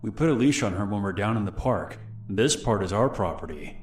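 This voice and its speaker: A man reading the lines of a wary young girl, speaking quietly and guardedly. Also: fairly low pitch, lively intonation, a little fast, reverberant, faint music behind, natural voice. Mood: firm. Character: wary young girl hiking with her dog.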